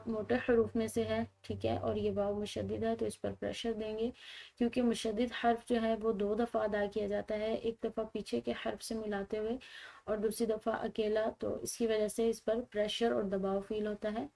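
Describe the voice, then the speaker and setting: A woman teaches a Quran recitation lesson, calmly going through each rule and checking in with her listeners. Her fairly high voice stays level and even, with little rise and fall, and she breaks into slow, drawn-out recitation. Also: vocal fry. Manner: explains rules patiently, then recites slowly and loudly.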